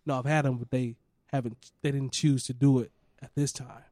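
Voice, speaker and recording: A man hosting a podcast in casual chat, a little hoarse from allergies, laid-back and laughing often. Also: medium pitch, fairly even intonation, a little fast, darkish tone, no room sound, studio quality. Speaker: podcast host.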